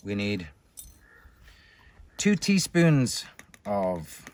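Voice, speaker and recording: A man hosting a cooking demonstration, talking in a showy way and swinging between loud announcements and hushed asides. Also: fairly low pitch, big pitch swings, very slow. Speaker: cooking show host.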